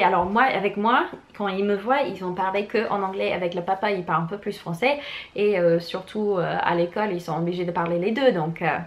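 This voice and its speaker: A woman in her thirties from France, chatting candidly at home as she answers viewer questions, laughing often. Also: mid-range voice. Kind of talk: casual chat. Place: home room.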